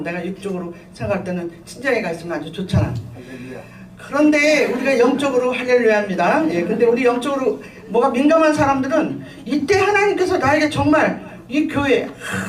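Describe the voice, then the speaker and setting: A middle-aged woman pastor giving a sermon with personal testimony, telling her story in an animated way with frequent laughter and fillers. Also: fairly high pitch. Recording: echoey room, voice from a distance, faint ambient noise.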